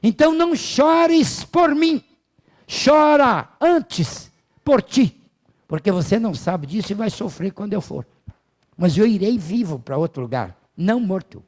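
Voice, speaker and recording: A man with a Brazilian accent voicing a calm, condemned old philosopher who speaks in slow, solemn, measured words. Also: high-pitched, voice pushed up, full character voice. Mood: serene. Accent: Brazilian Portuguese.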